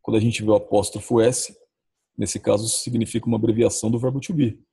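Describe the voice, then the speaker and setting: A man with a Brazilian Portuguese accent teaching English in a recorded lesson, saying the English example phrases slowly and drawn out. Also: on the low side, little pitch movement, vocal fry, warm tone, slightly rough. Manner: says English model phrases slowly and drawn out, often adds "ó".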